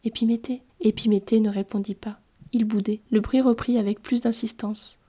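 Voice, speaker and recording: Mellow, even-toned woman narrating a tale. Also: medium pitch, moderate pace. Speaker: storyteller. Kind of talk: scripted storybook narration.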